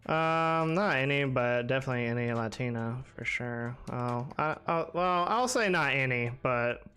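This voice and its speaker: A man's voice: mid-range voice, normal speed, sharp tone, clean tone, soft background music. A young man streaming a game live, chatting casually and rambling with lots of fillers while answering his chat.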